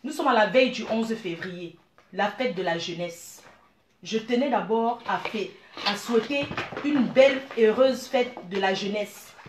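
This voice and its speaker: A middle-aged woman from Cameroon, giving blunt, animated advice and calling her listeners dear. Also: medium pitch, measured pace, reverberant, slight background noise. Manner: blunt, animated, calls listeners "maman" and "ma chérie". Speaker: business owner. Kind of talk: frank advice monologue.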